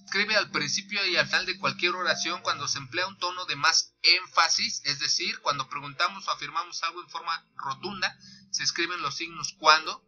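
A man with a Mexican accent teaching a punctuation lesson, reading examples slowly and naming each punctuation mark aloud. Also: on the high side, pushed and bright, muffled recording. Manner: slow, deliberate dictation of examples with punctuation named aloud; thinks aloud with restarts and fillers.

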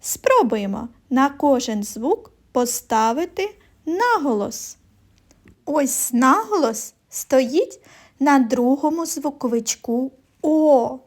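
Slow high-voiced woman teaching children. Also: sing-song. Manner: slow, clear sing-song explaining. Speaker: primary school teacher. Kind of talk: children's phonics lesson.

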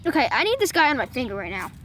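Speaking very fast in a high, sing-song voice with a bit of brightness, a young nature vlogger rambles and hesitates, peppering her talk with "like" and "I mean." She's filming a casual backyard vlog on a handheld phone, with birds chirping faintly and slight background noise.

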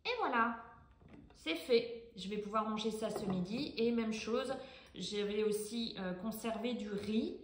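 A woman's voice: on the high side, a little slow. Chatty woman demoing in her kitchen. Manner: chatty, hesitant with frequent fillers. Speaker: cooking vlogger demonstrating a product. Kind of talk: casual product demonstration. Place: home kitchen, indoors.

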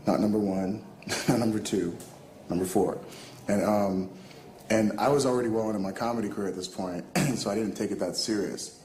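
A man, a comedian and actor, telling a wry anecdote in a relaxed way. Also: lowish voice, moderate pace, reverberant, slight background noise. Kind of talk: interview storytelling.

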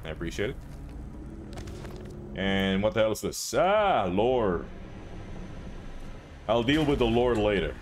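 A man hosting a let's play, commenting on his gameplay in an excitable, profane way with laughs and yelps. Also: fairly low pitch, slow, pauses often, a little hiss or hum. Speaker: gaming channel host.

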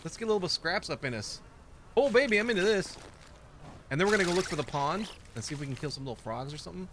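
Excitable young man narrating his gameplay. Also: sits high, racing, noisy background. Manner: excitable, jokey, exclaims often. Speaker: gaming channel host. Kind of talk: let's play commentary.

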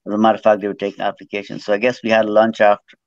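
A man's voice: fairly low pitch, completely flat delivery, very fast, no room sound. A middle-aged man from Trinidad who grew up in Guyana, telling his life story at length as a guest, often repeating words. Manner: rambling, repeats words while recounting. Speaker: guest, former jockey. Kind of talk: casual storytelling on a video call. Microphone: video call. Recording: slightly dull video call audio.

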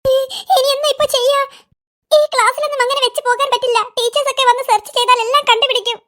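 A jittery cartoon schoolboy who schemes in hushed, fretful tones, as a voice artist plays him. His voice is very high and squeaky. It is comic cartoon dubbing. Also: steady tone, fast. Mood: worried. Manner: nervous, whispering plotter. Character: scheming schoolboy hiding cut hair.

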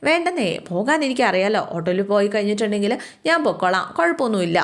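A woman voicing an eager young schoolgirl who pleads in a high, childlike way. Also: sing-song, fast. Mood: pleading.

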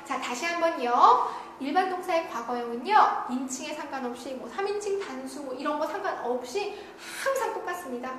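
High-voiced woman teaching grammar in an echoey room. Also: expressive, fairly quick, hardly any pauses, a bit bright. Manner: repeats "자" often, asks and answers her own questions. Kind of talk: online grammar lecture. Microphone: studio lecture recording. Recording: very echoey room with faint noise.

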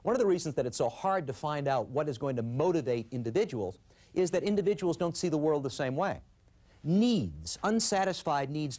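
A man teaching a management course, lecturing and telling stories in an animated way. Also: on the high side. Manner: animated storyteller. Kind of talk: scripted lecture with storytelling.

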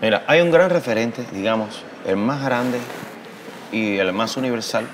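Filmed sitting by a big window inside, this Cuban man in his thirties speaks with a mid-range voice at a measured pace and a Cuban Spanish accent, background noise audible. Thoughtful but halting, he restarts sentences and fills pauses while his hands move expressively as he answers the interviewer.

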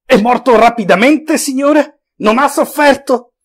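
A man reading aloud, voicing a grieving mother who asks slow, pleading questions. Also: very high-pitched, pitched above the performer's own voice. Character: grieving mother asking about her fallen son.

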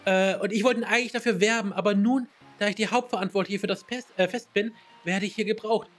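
A man's voice: high-pitched, fairly even intonation, brisk, natural voice. A man voicing an earnest, worried female festival organizer in a plain reading voice.

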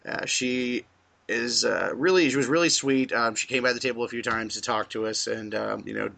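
A man's voice: mid-range voice, steady tone, moderate pace, vocal fry, sharp tone. A man co-hosting a podcast, telling a rambling story in casual chat and laughing often. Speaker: podcast co-host.

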